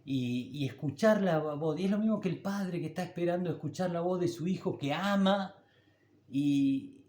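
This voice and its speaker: A man's voice: fairly high pitch, moderate pace, a little mellow, echoey room. An older man with an Argentine Spanish accent, preaching a sermon as a pastor in a conversational, folksy way with homely anecdotes.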